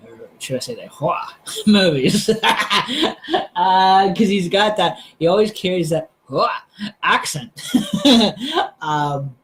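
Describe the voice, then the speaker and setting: Rambling man with a higher voice. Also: expressive, slow, pauses often, a bit bright, a little hiss or hum, low-quality recording. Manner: hesitant, many fillers and restarts. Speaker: live stream host. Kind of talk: casual rambling chat.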